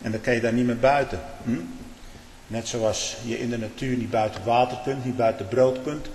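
A man preaching a sermon, swinging from hushed prayer to loud fervent exclamations, with frequent rhetorical "hm?" asides. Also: medium pitch, steady tone, normal speed, a little hiss or hum. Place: church. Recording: echoey church hall.

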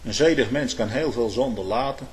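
A man preaches at a moderate pace, with slight background noise in the recording. His delivery is emphatic, suddenly swelling in loudness and pitch on key words, and he turns to his listeners with short asides like "hoor" and "hm?".

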